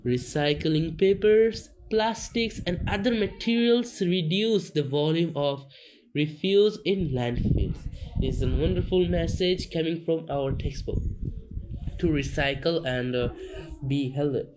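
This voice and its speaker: A man reading a textbook aloud for a video, explaining as he goes, halting with restarts and coughing now and then. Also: fairly high pitch, a little mellow, a little hiss or hum. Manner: slow, halting, many restarts and fillers. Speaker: self-taught reader on a video channel.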